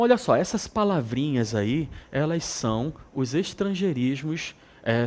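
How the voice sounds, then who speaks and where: Northern brazilian guy teaching english, bouncy up-and-down voice, slow, keeps asking "ok?". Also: mid-range voice. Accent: northern Brazilian Portuguese. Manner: lively, repeats words slowly for students, frequent "ok?" and "né?". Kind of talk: televised school lesson.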